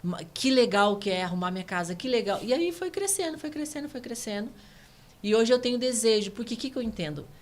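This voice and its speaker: A woman in her thirties from Brazil, a guest giving an emotional personal testimony, animated and earnest. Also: on the high side. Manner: fast, earnest, animated storytelling.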